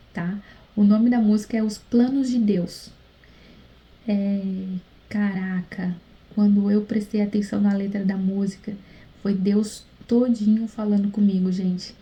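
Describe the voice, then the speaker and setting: A woman's voice: medium pitch, mellow, rough recording. A woman tells a faith testimony in a casual vlog, earnest and chatty, often speaking straight to her viewers. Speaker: YouTuber sharing a faith testimony. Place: at home late at night, husband in the next room.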